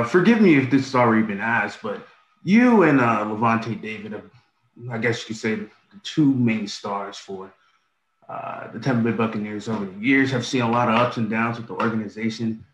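A male reporter asking a long, rambling question at a press conference. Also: fairly low pitch. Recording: roomy echo on remote line.

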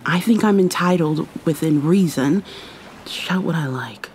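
A woman performs an ASMR roleplay as a vampire mermaid who is irritable and haughty yet secretly cares, sounding sardonic and formal and sighing in exasperation. She speaks low and unhurried with a darkish tone, over a slight hiss or hum.

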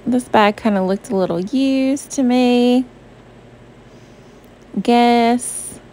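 This shopping vlogger, a young Southern US woman, speaks very slowly in a fairly high, darkish voice with slight background noise. Her casual voice-over, recorded apart from the store on screen, is bubbly and packed with fillers like "um" and "like," with faint music underneath.

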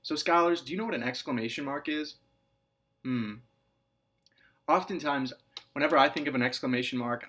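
In this recorded writing lesson for kindergarteners and first graders, a man with a mid-range voice speaks clearly and patiently. He goes over every point more than once and refers to the children as scholars. His example sentences come out in a lively, sing-song way.

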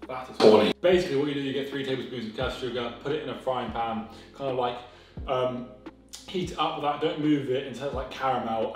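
While cooking for a dinner party in his home kitchen, a young vlogger talks to the camera in a chaotic, sweary, self-mocking way. His mid-range voice has a darkish tone. He is far from the mic, his voice echoes off the kitchen and faint music plays.

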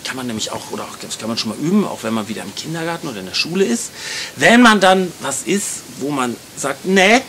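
A man's voice: medium pitch, big pitch swings, fast talker, fairly bright tone, slight background noise. A man singing and reading a children's story in a library, guiding kids to join in. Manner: friendly, talks children through actions to join in. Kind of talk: sung and read children's story. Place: library, live audience. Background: guitar.

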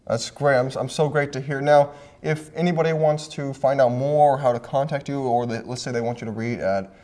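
A man's voice: mid-range voice, brisk, warm tone. A man hosting a local TV arts show, friendly and stumbling a little over his questions. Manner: friendly, hesitant restarts. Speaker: host. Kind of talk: local TV interview. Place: local TV studio.

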